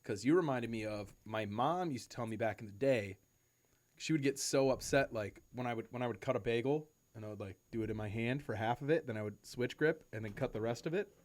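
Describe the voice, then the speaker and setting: A man co-hosting a podcast from home, telling animated, profane stories and laughing often. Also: mid-range voice, a little fast. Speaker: podcast co-host. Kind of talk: casual chat. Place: home room with cats nearby.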